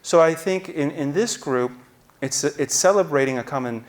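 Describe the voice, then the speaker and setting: A man's voice: fairly high pitch, moderate pace. Explaining man at a stage panel. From New Jersey. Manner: explanatory, gestures while talking. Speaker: panelist journalist. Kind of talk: panel discussion answer. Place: auditorium stage. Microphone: lapel.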